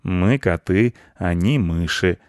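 A lazy, smug ginger tomcat, voiced by a male storyteller, drawls slowly in a lowish voice. The recording is dry and close. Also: darkish tone, no room sound.

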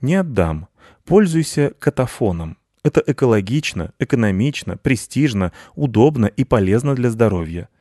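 A man's voice: mid-range voice, big pitch swings, moderate pace, warm tone, no room sound, clean studio sound, voice pushed up. A man voicing a lazy, self-important male house cat who lectures in a storybook reading. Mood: lecturing. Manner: pompous and lecturing.

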